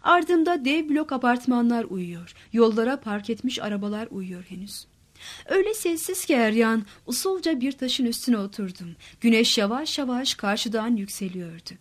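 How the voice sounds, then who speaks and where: A woman reading literary prose aloud in a soft, hushed narration that drops close to a whisper at times. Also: on the high side, animated, normal speed.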